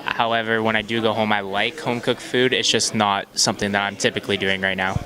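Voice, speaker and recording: A man's voice: fairly low pitch, little pitch movement, fast talker, crowd noise, low-quality recording. A man of twenty-one giving casual, slightly hesitant answers in an interview. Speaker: student interviewee.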